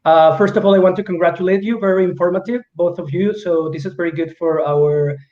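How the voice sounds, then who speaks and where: A man who works as an education agent, asking formal, polite questions over a video call and sometimes pausing to search for words. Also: high voice, steady tone. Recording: echoey, dull video-call audio.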